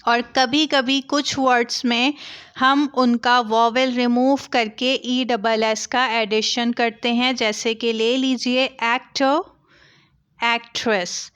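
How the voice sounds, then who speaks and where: Young woman teacher going slow thru grammar examples, kinda high voice, mixes hindi n english. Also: fairly bright tone, clean tone, lo-fi sound. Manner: slow, patient explaining with examples. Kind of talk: explaining a grammar lesson.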